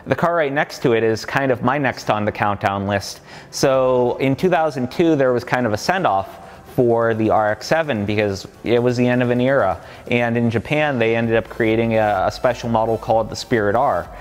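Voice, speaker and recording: A man's voice: mid-range voice, moderate pace. Enthusiastic man in echoing garage. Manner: enthusiastic, fact-heavy, many fillers. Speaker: company collection guide. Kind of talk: casual walkaround explanation. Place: large underground parking garage. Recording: long garage reverb.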